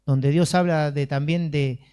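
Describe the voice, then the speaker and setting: A man's voice: a little high, steady tone, measured pace, dark tone, smooth. A man preaching a sermon and leading a closing prayer, in an earnest, conversational way.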